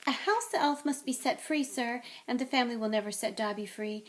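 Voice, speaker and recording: A woman performs a timid, devoted male house elf, giving him a high-pitched, earnest, servile voice as he refers to himself in the third person. The delivery is a little fast and lightly acted.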